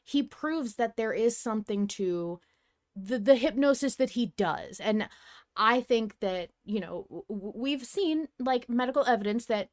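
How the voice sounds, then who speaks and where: This thirties-aged podcast host leads a relaxed fan chat, full of emphatic energy and offhand profanity. Her voice is fairly high and she talks a little slowly.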